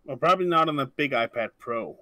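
A man's voice: mid-range voice, fast talker, no echo. A European man co-hosting a game development stream, joking and chatting casually. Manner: lively, joking, laughs easily. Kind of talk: casual chat while gaming.

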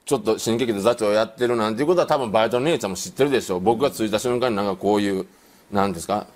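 A middle-aged man with a Kansai accent telling a comic anecdote on a panel show, acting out the other people's voices as he goes. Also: fairly low pitch. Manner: animated, acts out quoted voices, rapid delivery.

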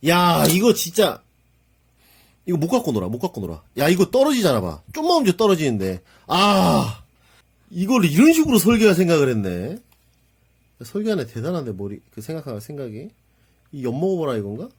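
A man casually narrating as he assembles and shows off a plastic model kit, excitable and prone to exclaiming and muttering to himself while he handles the parts. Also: a little high, brisk, husky. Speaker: model kit builder reviewing his build. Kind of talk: casual hands-on hobby narration.

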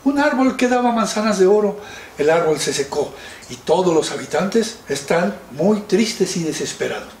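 A man voicing a gentle but cunning dragon's wife who pleads and coaxes, in a children's story. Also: sits high, animated, moderate pace, a little hiss or hum. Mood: pleading. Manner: pleading, sweetly sly. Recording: roomy, distant mic.

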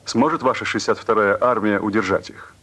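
An actor playing a middle-aged, authoritative Red Army commander speaking deliberately in a war film. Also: male voice, fairly low pitch, fairly bright tone, slight background noise, natural voice. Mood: stern, measured. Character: stern, measured senior Red Army commander.

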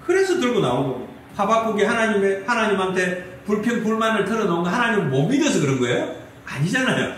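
High, animated preaching man in echoey hall. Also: fast talker, distant mic, a little hiss or hum. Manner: lively preaching with rhetorical questions to the congregation. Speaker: pastor. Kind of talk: sermon. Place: church sanctuary. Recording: echoey hall, mic from afar.

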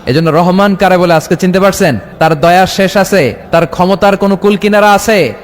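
A man preaching a dramatic sermon, swinging from soft to shouted lines and chanting Arabic verses. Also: high voice, fairly quick. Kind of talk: Islamic sermon (waz).

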